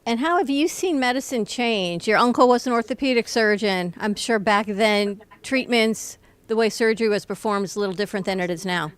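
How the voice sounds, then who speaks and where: A woman hosting a radio interview, asking questions in a friendly, brisk way. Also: medium pitch, clean tone. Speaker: radio host.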